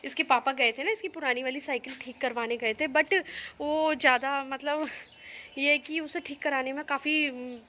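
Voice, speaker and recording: Bright-voiced chatty young mother vlogging. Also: high voice, steady tone, normal speed, slight background noise. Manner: chatty, rambling, talks while minding her children. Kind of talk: casual home vlog chat to camera. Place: at home.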